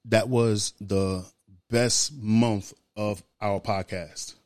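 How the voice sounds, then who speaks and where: A young man co-hosting a casual podcast, telling stories in a lively, slangy way. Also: on the low side, drawn-out words, no room sound, studio quality. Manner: animated storyteller, slangy and laughing. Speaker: podcast co-host.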